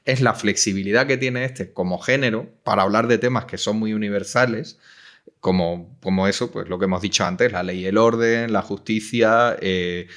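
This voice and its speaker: A man co-hosting a film podcast, talking in a reflective way with many tags and fillers. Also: on the low side. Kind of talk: casual film discussion.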